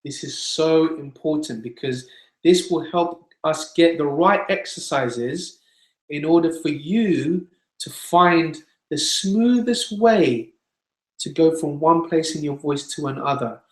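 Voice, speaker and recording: A man's voice: a little high, takes it slowly. A man teaching singing in an online webinar, explaining patiently and demonstrating scales. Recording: echoey room.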